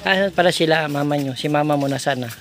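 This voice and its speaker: Man, gravelly voice, casual vlog, coaxing, repeats short prompts, noisy outdoor recording. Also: fairly high pitch, fast. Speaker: vlogger visiting a needy family.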